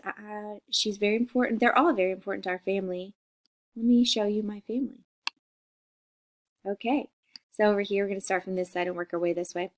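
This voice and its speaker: Chatty teacher lady from costa rica, forties, keeps asking "okay?" while she walks students through class stuff. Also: medium pitch. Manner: friendly, chatty, checks in with "okay?". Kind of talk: recorded class introduction video.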